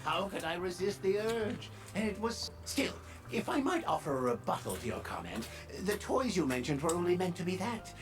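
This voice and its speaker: A woman's voice: lowish voice, sing-song, normal speed, hardly any pauses, music in the background. A woman voicing an eccentric, wordy professor in a video game, courtly and coy, with florid, theatrical, hesitant phrasing. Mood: coy, wistful. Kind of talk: English video game voice acting.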